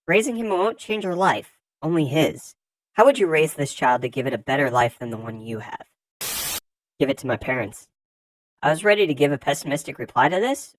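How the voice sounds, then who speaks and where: A narrator reading forum posts aloud in scripted narration, with lively swings in pitch and loudness. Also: rough recording.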